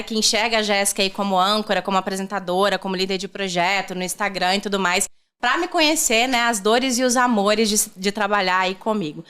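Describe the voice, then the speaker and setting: A woman's voice: mid-range voice, pushed and bright, smooth. A young woman hosting a casual podcast chat, upbeat and friendly, laughing often. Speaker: podcast host. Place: studio.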